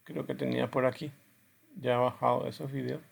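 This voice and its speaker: Gravelly-voiced male teacher lecturing. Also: medium pitch, level tone, normal speed. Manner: explains step by step, often checks in with "ok". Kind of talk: classroom lecture with video demos.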